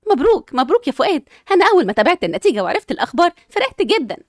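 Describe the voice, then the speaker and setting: A woman's voice: high-pitched, very animated, rapid-fire, no room sound, clean studio sound. A woman with an Egyptian accent playing a cheerful, doting mother who talks in a bubbly way.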